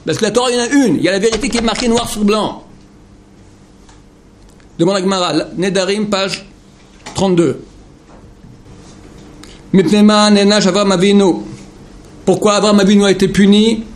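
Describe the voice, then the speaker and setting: A man delivering a Torah lecture in a fairly high voice, with a faint ambient hum underneath. He builds his points through repeated questions. He shifts from quiet explanation to fervent emphasis. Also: fairly even intonation, moderate pace, pauses often. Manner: emphatic, rhetorical questions, swings from hushed to impassioned. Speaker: rabbi teaching Torah. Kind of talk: Torah lecture to a male audience.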